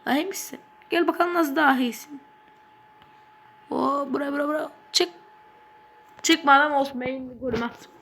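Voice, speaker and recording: A woman giving excitable, foul-mouthed commentary while playing a mobile football game, bursting into shouts at the game. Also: high-pitched, moderate pace, pauses often. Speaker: gaming channel host.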